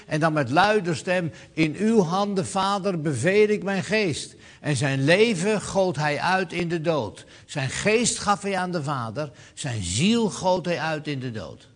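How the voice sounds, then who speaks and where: A man preaching a sermon who speaks to his listeners directly, hesitates with fillers, swells to loud proclaiming and then drops low and quiet.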